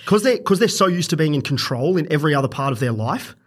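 A young man with a slightly high voice talks through a story in loose, casual chat. He swears constantly and gets lively and animated as the retelling builds. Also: fast, husky. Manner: crude, swears a lot, animated when retelling stories. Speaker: podcast guest.

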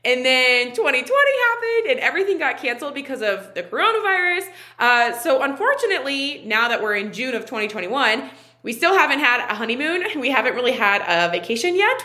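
This twenty-something podcast host, who also works as an online wellness coach, talks alone on her show in a loose, open style full of fillers. Her voice runs on the high side with a sharp edge.

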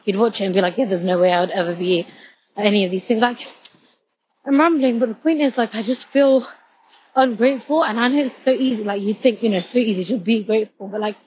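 A woman's voice: on the high side, a little mellow, lo-fi sound, slight background noise. A woman in her twenties rambling in a walk-and-talk vlog, out of breath as she walks outdoors and filling her talk with "like". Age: 20s. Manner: rambling, heavy use of filler "like". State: out of breath from walking. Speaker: vlogger. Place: outdoors, walking home from a station.

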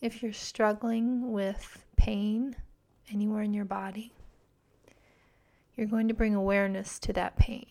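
A woman leading a guided meditation in a soft, breathy near-whisper, speaking slowly and gently. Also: medium pitch, flat delivery. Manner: slow, gentle, hushed delivery. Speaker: podcast host and meditation guide.

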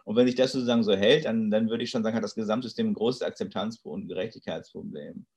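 A man giving thoughtful, halting interview answers with many restarts. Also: fairly low pitch, steady tone, darkish tone, husky. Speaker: interview guest, political thinker.

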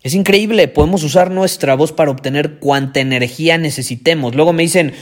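A man hosting a motivational podcast as a voice coach, emphatic, repeating key phrases and swinging his pitch and volume. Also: fairly quick. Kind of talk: energetic motivational podcast talk.

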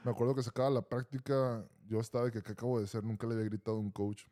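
A man's voice: medium pitch, very fast. Slangy Mexican man telling stories. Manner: animated, slangy, says vato often. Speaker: podcast co-host. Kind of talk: casual storytelling chat.

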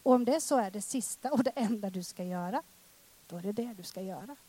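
With a medium-pitched voice, a woman in her thirties preaches about her own testimony. Her delivery is emotional and dramatic, shifting from loud exclamations to hushed speech.

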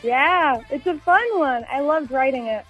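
A woman's voice: sits high, animated, unhurried, faint music behind. A woman in her twenties, a singer calling in to a radio interview, chatting upbeat and telling stories. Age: 20s. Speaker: singer guest. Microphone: phone. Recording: tinny phone line.

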